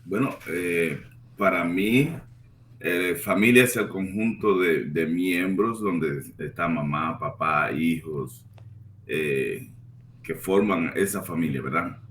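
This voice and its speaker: A deep-voiced man with a Cuban accent chats as a pastor on the radio, plain-spoken and relaxed. His voice sits in a roomy space with a faint hiss underneath. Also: slow. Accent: Cuban Spanish. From Cuba. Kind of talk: casual radio chat. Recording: roomy sound with faint background noise.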